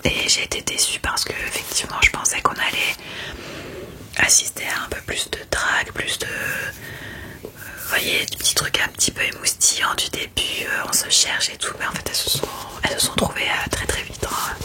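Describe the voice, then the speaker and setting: A woman speaking in a hushed, unvoiced library whisper, chatting about books in an ASMR style. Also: moderate pace. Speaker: ASMR creator reviewing books. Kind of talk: whispered ASMR book chat.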